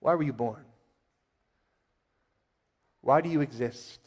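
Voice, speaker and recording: A male pastor preaching a sermon with emphatic swells and quiet asides. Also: medium pitch, slow pace, husky. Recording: long hall reverb.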